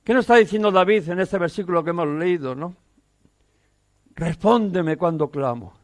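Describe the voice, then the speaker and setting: Spanish male pastor, high voice, dry close sound, earnest sermon delivery. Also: normal speed, no echo. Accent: Peninsular Spanish. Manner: earnest, emphatic preaching with rhetorical questions.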